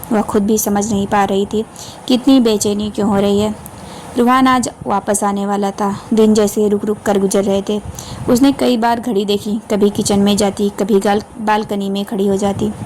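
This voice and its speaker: A woman narrating a romance audiobook from a script, calm and steady. Her pitch barely moves, keeping an even storytelling line. A faint hiss of noise sits under the voice. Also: rough recording.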